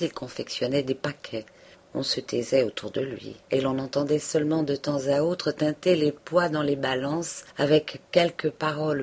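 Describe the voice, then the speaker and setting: A woman reading a classic novel aloud as narrator, with measured, steady delivery. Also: deep voice, husky. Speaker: audiobook reader.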